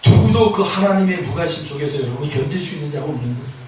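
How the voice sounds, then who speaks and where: A man pastor preaching a sermon, swinging between loud impassioned passages and soft quiet asides. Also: fairly high pitch, animated, fast, slight background noise. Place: church sanctuary. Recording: echoey church from far off.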